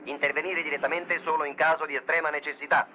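A man's voice: on the high side, steady tone, fast talker. An actor playing a male police dispatcher, giving a clipped formal bulletin over police radio in a 1970s crime film. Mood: urgent, official. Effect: police radio broadcast. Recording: muffled noisy old film soundtrack.

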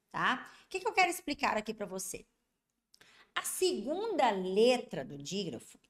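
A Brazilian woman teaching a Portuguese grammar lesson for exam candidates. She keeps checking that students follow and draws out example words slowly. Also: on the high side. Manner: repetitive, constantly checking understanding.

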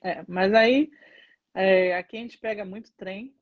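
Casual Bahian woman in her thirties, lowish husky voice, lively storytelling chat, dry dull lo-fi sound. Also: dry recording. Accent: Bahian Brazilian Portuguese. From Salvador, Bahia, Brazil. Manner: chatty and animated, often slowing to stress words. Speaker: dance and capoeira teacher. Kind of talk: casual online chat answering viewer questions. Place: indoors, seated in front of a painted mural.

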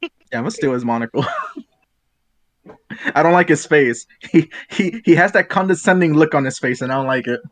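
A man's voice: a little high, sing-song, normal speed, long pauses, fairly bright tone. Playful man joking at the game table. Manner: joking, playful, describes his character's actions. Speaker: player. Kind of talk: casual tabletop play.

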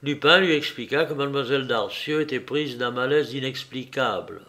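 A man giving a measured, scripted narration of a novel as an audiobook reader. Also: mid-range voice, bright, forceful tone.

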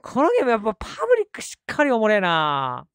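Young man, streamer, lively teasing chat, quick talker, voice chat crowd behind. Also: sits high, clean tone, dry recording. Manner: chatty, teasing, quick to laugh. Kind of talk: casual VR chat. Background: crowd of other players.

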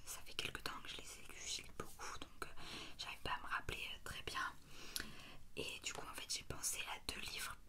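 A young woman whispering softly in a hushed, breathy library whisper, chatting casually about books in an ASMR style. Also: a little fast. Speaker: book vlogger. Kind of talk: whispered ASMR book talk. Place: small room at home, indoors.

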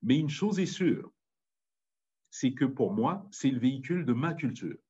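A man's voice: mid-range voice, lively intonation, measured pace, a little mellow, husky, dull audio. A man with a Parisian accent giving an impassioned, emphatic public talk. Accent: Parisian French. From France. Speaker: speaker. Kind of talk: public talk on language and community.

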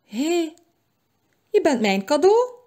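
A woman's voice: takes it slowly, heavily acted. A woman doing a spoiled little princess. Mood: impatient. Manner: high, insistent, excited.

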